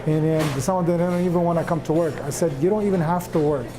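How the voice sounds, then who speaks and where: A man's voice: fairly high pitch, fairly even intonation, fast talker, noisy background. A man from Lebanon, a restaurant owner talking earnestly in a news feature interview. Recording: music bed under voice. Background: music.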